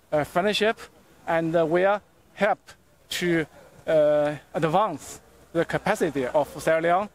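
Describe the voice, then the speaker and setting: A middle-aged man with a Chinese accent, a non-native English speaker, giving halting press remarks as an ambassador at an outdoor construction site, with many fillers. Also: fairly high pitch. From China. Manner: halting, frequent uh fillers and restarts. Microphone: handheld recorders held up by reporters. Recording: crowd chatter outdoors. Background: crowd of people around.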